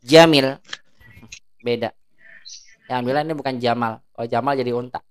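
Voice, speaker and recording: A woman with a low, smooth, clear voice teaches an Arabic class. She stretches the long vowels as she drills each word. She stops often to ask the class if they follow. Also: fairly even intonation, fast, darkish tone. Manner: asks the class check questions.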